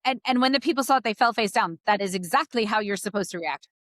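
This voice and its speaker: Animated woman in a Bible chat. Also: medium pitch, fast talker, no echo, studio quality. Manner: animated, laughs easily, expressive. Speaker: co-host of a Bible discussion. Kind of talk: casual Bible discussion.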